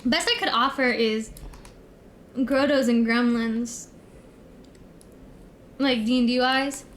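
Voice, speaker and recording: A young woman with a high voice streams in a cute, bubbly anime-streamer manner. She chats casually with her co-host and viewers, over some background noise. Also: a bit bright. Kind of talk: casual livestream chat.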